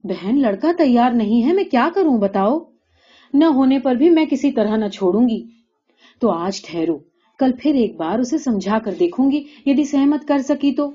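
A kindly middle-aged mother who talks things through patiently, voiced by a woman reader. Her voice is raised and mellow. It comes through a dull, lo-fi recording. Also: a little high, expressive, slightly rough. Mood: reasoning.

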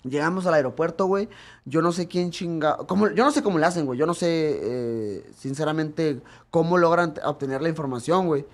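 A man's voice: fairly high pitch, fairly quick. A Mexican man, a guest who is a fighter, telling a rambling, profane story among friends in casual chat and tagging nearly every phrase with a slang filler.

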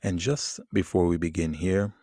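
A man leading a guided meditation in a soothing, unhurried manner with long pauses between phrases. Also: low-pitched, steady tone, no echo, studio quality. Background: soft plucked guitar music.

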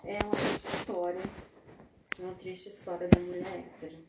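A woman's voice: on the low side, little pitch movement, normal speed, roomy sound, very noisy. A woman co-hosting a casual chat, talking in a joking, chatty way with lots of filler tags. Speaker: podcast co-host.

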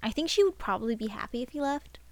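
A woman co-hosting a podcast in casual chat, relaxed, with short replies and lots of "mm-hmm". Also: a little high, quick pace. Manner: relaxed, brief replies and back-channel "mm-hmm"s. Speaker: podcast co-host.

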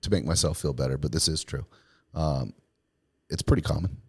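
A man's voice: rumbling low, normal speed, a little mellow, slightly rough, dry recording, studio quality. A man co-hosting a podcast, telling a rambling story in casual chat, full of fillers and laughing as he goes. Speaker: podcast co-host.

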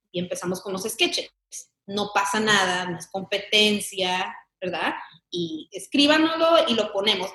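Animated Mexican woman in an echoey room. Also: mid-range voice. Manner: animated, laughs often, many fillers. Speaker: guest, comedy sketch creator. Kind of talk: casual interview chat.

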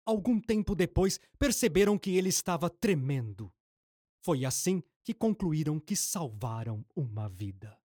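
A man's voice: on the high side, very animated, unhurried, darkish tone, slightly rough, dry recording, studio quality, full character voice. A man narrating a scripted radio drama as its storyteller.

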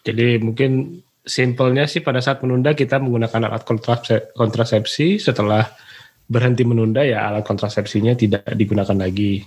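A man's voice: mid-range voice, fairly even intonation, darkish tone, slightly rough. Hesitant man in his forties. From Indonesia. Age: 40s. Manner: slow, hesitant, with many fillers. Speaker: guest. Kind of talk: casual conversation.

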